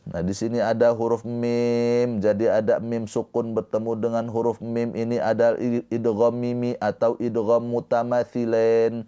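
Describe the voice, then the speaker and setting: A man teaching Quran recitation rules in a slow, patient lesson, chanting verse phrases and then explaining them. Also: medium pitch, completely flat delivery, mellow, smooth. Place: live-streamed lesson.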